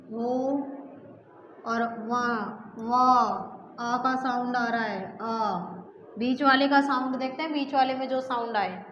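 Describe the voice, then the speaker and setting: A woman teaching a grammar lesson for exam preparation, talking patiently and repeating each example, often checking in with her students. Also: high-pitched. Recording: echoey room, dull sound, faint hiss.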